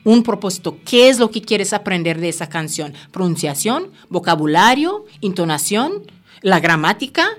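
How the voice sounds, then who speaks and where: A woman's voice: medium pitch, very animated, normal speed. Earnest Spanish-speaking woman guest. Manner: earnest, encouraging, sprinkles English words. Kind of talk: casual interview talk.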